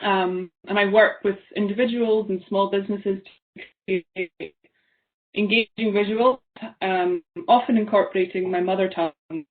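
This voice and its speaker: A young Scottish woman from the Isle of Lewis gives an online seminar talk from a small room at home, her voice medium-pitched, steady and moderately paced. She sounds thoughtful and says "um" a lot. Picked up by a laptop webcam on a video call, the audio is tinny and phone-like.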